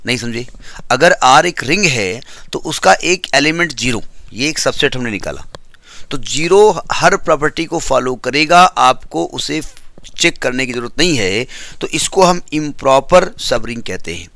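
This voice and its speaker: Bright-voiced Indian maths teacher. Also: male voice, medium pitch, expressive, unhurried, creaky, no room sound. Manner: explains step by step, mixing English terms, repeats key words. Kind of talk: classroom lecture.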